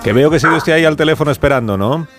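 A man's voice: a little high, racing, over music. A man hosting comedic radio banter in a conversational way, often repeating himself. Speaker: radio show host.

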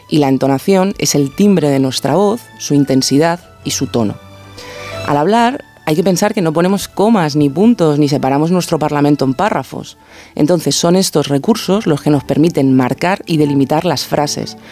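Man, radio language contributor, fairly high voice, didactic and measured, soft music underneath. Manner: didactic, carefully paced explanations. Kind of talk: explanatory radio segment. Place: radio studio.

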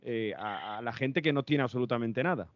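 A male interviewer with an accent from Spain talks in a conversational, explanatory way. His pitch is medium. The recording is very dry and a little dull. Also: fairly quick, dry recording. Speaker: interviewer, show host.

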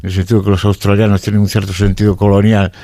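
A man's voice: on the low side, level tone, quick pace, dark tone, no room sound, clean studio sound. An older man with a Galician accent, talking as a radio contributor on a remote line, often repeating words as he thinks aloud. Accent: Galician Spanish. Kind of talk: radio talk segment.

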